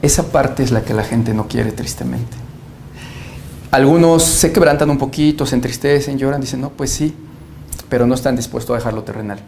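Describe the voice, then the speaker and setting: A man speaks as a pastor being interviewed, his voice sitting at a middle pitch. He argues earnestly and emphatically, leaning on scripture quotes. Faint noise sits under the recording. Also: brisk, gravelly, darkish tone. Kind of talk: interview answer, preaching.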